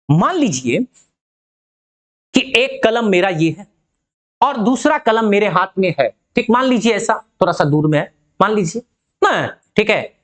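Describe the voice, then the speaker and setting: A woman teaching physics in an online lesson. She asks the class rhetorical questions, keeps checking that they follow, and calls them by fond names. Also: mid-range voice. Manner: addresses students affectionately.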